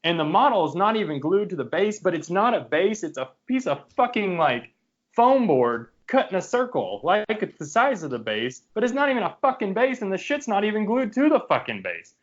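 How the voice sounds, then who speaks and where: In dull lo-fi podcast audio, a high-voiced man speaking at normal speed shares a story with friends as a co-host. He's worked up, cursing nonstop and leaning on frequent fillers as he tells it animatedly.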